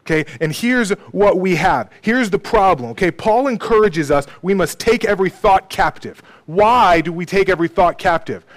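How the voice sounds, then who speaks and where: Emphatic preacher man, higher voice. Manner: emphatic, rhetorical questions and "okay?" checks. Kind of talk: sermon.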